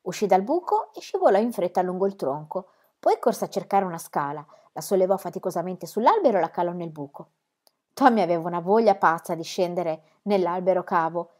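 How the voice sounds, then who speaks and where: Expressive woman reading a children's story. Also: lowish voice, fairly quick. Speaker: reader.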